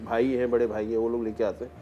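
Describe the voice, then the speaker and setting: A man from Pakistan, a news anchor guest, talking in a measured, modest way. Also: medium pitch, flat delivery, lo-fi sound. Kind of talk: casual chat.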